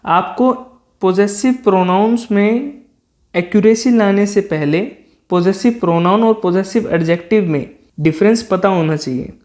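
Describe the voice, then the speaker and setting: Hindi-speaking grammar teacher, slowing on examples. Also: mid-range voice, darkish tone. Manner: slows to read out English word pairs and example sentences. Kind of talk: exam-prep grammar lesson.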